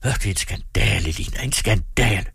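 A man voicing a blustering, greedy man who swings between rage and self-pity, ranting and accusing in a husky voice. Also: fairly bright tone, no echo, studio quality, exaggerated voice. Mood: whining, self-pitying. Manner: ranting, accusing, shrill when furious.

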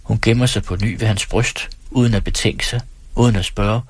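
A man reading a novel aloud in a measured storytelling manner. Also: on the low side, steady tone, breathy edge, no room sound. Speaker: reader.

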